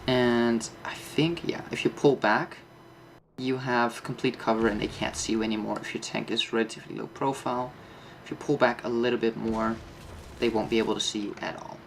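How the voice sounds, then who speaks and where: A man's voice: medium pitch, fairly even intonation, a little fast, vocal fry, a little hiss or hum. A man giving a casual, off-the-cuff game tutorial, thinking aloud and explaining as he plays. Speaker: host of a tank game map guide.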